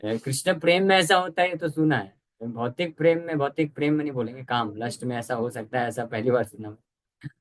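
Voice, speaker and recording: A man giving a devotional scripture lecture in conversational Hindi with English words mixed in, slowing down to chant verses. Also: mid-range voice, low-quality recording.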